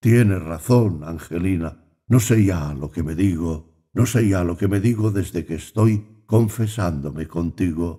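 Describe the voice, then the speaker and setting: Sorrowful old country priest, read by a man: dark, slow, pleading. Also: sits low. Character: grieving aged village priest, gentle. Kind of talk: audiobook reading.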